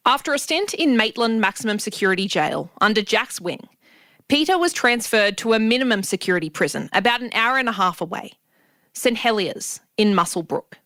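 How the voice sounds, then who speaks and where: A woman radio host reads a scripted link and asks her guest questions. Her pitch is on the high side and moves around a lot, and the sound is very dry and close. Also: expressive, brisk, fairly bright tone, no room sound. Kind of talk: scripted narration and interviewing.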